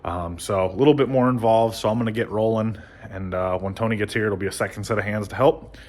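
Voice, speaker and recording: A man casually talking through motorcycle work in his garage, relaxed and rambling with many ums. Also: on the low side, quick pace, slight background noise. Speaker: motorcycle vlogger. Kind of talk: casual how-to narration.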